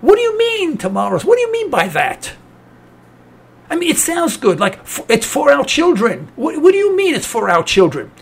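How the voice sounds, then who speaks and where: On his talk program, a New York-accented man hosting radio launches into a cynical political rant. His very high-pitched voice swoops wildly and carries vocal fry, moving at a moderate pace.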